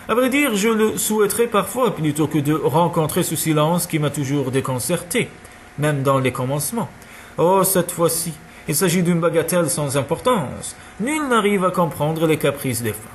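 A jovial, heavyset old father who brushes off every worry in a loose, lecturing tone, as a man reads him aloud. His pitch rises and falls freely and sits a little high. The delivery stays relaxed and offhand. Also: a little hiss or hum, natural voice. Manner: easygoing, lecturing, chuckling. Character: jovial stout elderly father, dismissive.

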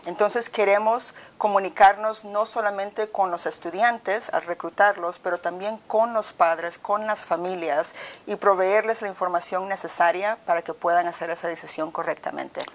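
A middle-aged woman from El Salvador, a university provost, answering interview questions in a measured, articulate way. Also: medium pitch, steady tone. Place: office with bookshelves, indoors. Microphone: lapel.

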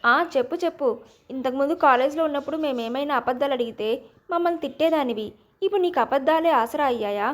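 A woman's voice: high voice, quick pace, close to an everyday voice. A woman voicing a young husband and father who is teasing and exasperated, with a playful, pleading manner, in a storybook reading.

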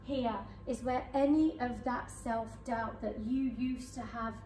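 Woman hypnotist talking folks down slow and soothing, big echoey conference room, faint hum. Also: a little high, fairly even intonation, mellow, far from the mic. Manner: slow soothing suggestions with counting. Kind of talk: guided hypnosis session. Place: conference room with live audience. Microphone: far camera.

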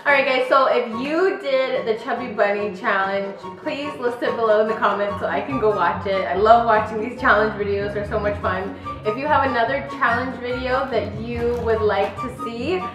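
Higher-voiced young woman hosting a vlog. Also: moderate pace. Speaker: challenge video host. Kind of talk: casual vlog chat. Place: indoor home room. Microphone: camera a short distance away. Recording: echoey room, music over it.

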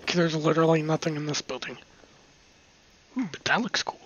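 A let's-play commentator with hiccups rambles casually while exploring, often muttering asides under their breath and giggling. Their mid-range voice runs a little fast and is a bit bright. The recording is slightly dull and lo-fi, with a little hiss or hum.

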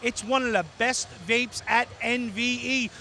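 A middle-aged New York man with a Brooklyn accent hosts and reviews casual trade show interviews, brash, chummy and emphatic. His very high voice holds a steady tone, unhurried yet pushed and bright. He's on a handheld mic at an indoor trade show booth, amid a noisy convention hall.

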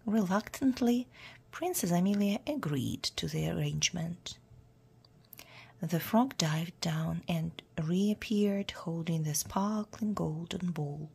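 A woman reading a fairy tale aloud in a hushed, half-whispered voice. Her tone is low, gravelly and very breathy, and she takes her time. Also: slow. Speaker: storyteller for English learners. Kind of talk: storybook read-aloud.

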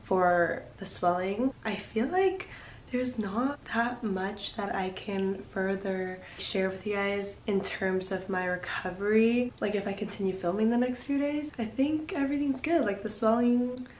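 A woman's voice: mid-range voice, a little slow, a little mellow, slight background noise. A young adult woman chatting casually to camera as a vlogger while recovering from wisdom teeth removal. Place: indoors at home, bedroom and kitchen. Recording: roomy echo with music behind.

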